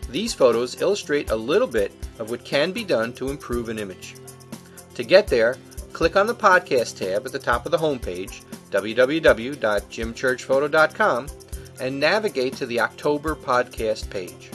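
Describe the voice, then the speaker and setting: A man's voice: medium pitch, animated, normal speed, fairly bright tone, faint music behind. A man co-hosting a podcast, reading a prepared script in an explanatory way. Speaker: podcast co-host.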